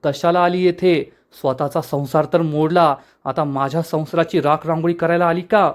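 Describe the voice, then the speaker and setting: A woman's voice: sits low, fairly even intonation, normal speed, lightly acted. A man voicing a furious middle-aged mother who scolds her daughter harshly.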